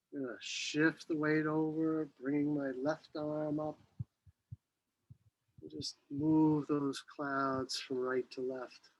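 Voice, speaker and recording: A man teaching qi gong, giving serene, unhurried movement and breathing cues with long pauses. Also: fairly high pitch, fairly bright tone, rough recording. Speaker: qi gong instructor.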